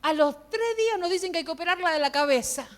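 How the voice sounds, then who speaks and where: Emotional high-voiced woman pastor preaching. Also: fast, in a large hall. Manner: emotional, animated storytelling with acted quotes. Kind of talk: sermon testimony. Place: church sanctuary.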